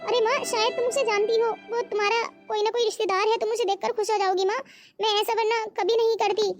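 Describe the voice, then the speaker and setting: A sweet young daughter in a comic cartoon, voiced by a woman, coaxing and pleading. Her voice is very high and girlish. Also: little pitch movement, quick pace, faint music behind. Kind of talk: cartoon voice acting.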